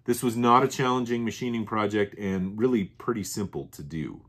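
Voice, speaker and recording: A man with a fairly low voice talks through parts laid out on his workbench. He explains each piece methodically, often saying the same point twice in slightly different words. He talks the way a hobbyist host does in his own workshop. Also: moderate pace, fairly bright tone. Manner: plain, methodical explaining with frequent restatements. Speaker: channel host. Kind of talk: workshop show-and-tell. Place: workshop bench.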